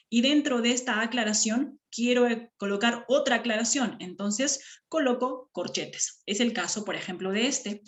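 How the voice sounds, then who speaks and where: A woman teaching a grammar lesson, often stopping to check that the listener follows. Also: medium pitch. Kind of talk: explaining a grammar lesson over slides.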